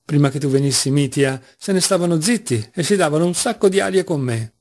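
A man doing a sharp-tongued, fiery young woman. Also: a little high, lively intonation, fairly quick. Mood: scolding. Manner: sharp and scolding. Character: proud, quick-tempered young woman.

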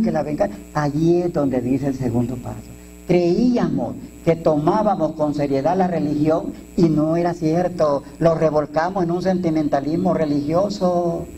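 A Mexican priest talks bluntly and jokingly to a recovery group, full of slang and rhetorical questions. His voice sits fairly high for a man but sounds dark and mellow. A faint mains hum runs under the recording. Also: rough recording. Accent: Mexican Spanish. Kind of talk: informal talk to a twelve-step group.

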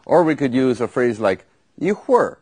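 A man's voice: medium pitch, sing-song, normal speed, a little mellow, slightly rough. A man teaching vocabulary and grammar in a lesson, explaining patiently with examples. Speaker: language teacher.

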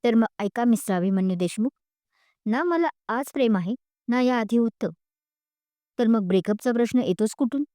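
A woman's voice: a little high, animated, moderate pace, long pauses, no room sound, natural voice. A woman voicing an angry, hurt young woman student who scolds sharply and is close to tears, in a spoken storybook. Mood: angry, tearful. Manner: sharp, raised, tearful scolding.

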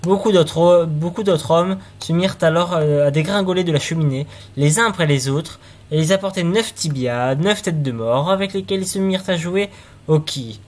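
A man's voice: a little high, normal speed. A man reading a fairy tale aloud, now and then stumbling and restarting words. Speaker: storyteller.

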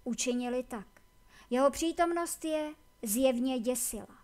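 A woman narrating a fantasy novel aloud in a measured, deliberate reading. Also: sits high, a little mellow. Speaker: audiobook reader. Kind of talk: scripted narration.

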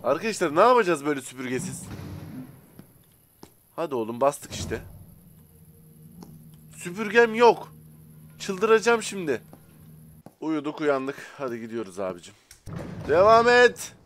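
A man casually commenting as he plays a simulator game, chatting to viewers and to the characters, and bursting out loudly when annoyed. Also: on the high side, big pitch swings, a little slow, long pauses, a little hiss or hum. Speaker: gaming streamer. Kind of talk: casual let's-play commentary.

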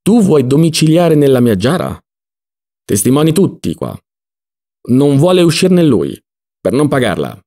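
A man's voice: mid-range voice, big pitch swings, a little slow, darkish tone. A man putting on Don Lollò, a hot-tempered landowner. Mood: defiant. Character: irascible rich male landowner, quick to shout.

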